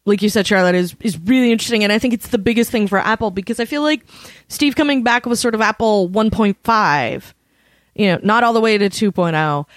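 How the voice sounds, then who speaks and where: A woman's voice: mid-range voice, a little fast, no echo. A woman hosting a podcast in a chatty casual talk, with lots of fillers. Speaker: podcast host. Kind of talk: casual chat.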